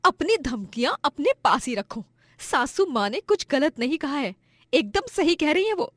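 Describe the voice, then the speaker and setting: A woman's voice: high voice, big pitch swings, normal speed, fairly bright tone, dry recording, clean studio sound, pitched above the performer's own voice. Woman voicing a defiant young daughter-in-law. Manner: scolding, indignant.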